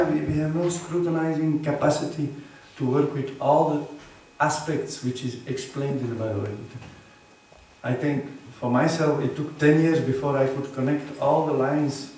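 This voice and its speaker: A man's voice: mid-range voice, a little mellow, a little hiss or hum. Guy preaching in a big temple hall, heavy echo, mic far off, keeps going "eh? huh?" at the crowd. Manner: earnest, quizzes audience with tag questions. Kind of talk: sermon on scripture. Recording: very echoey hall, distant mic.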